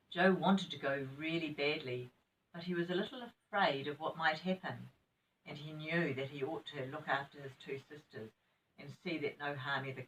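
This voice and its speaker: A woman's voice: low-pitched, slight background noise. Sweet older New Zealand lady, slightly distant. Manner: sweet old lady, gentle and expressive. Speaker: grandmother reading to grandchildren. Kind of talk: children's storybook reading with chatty asides.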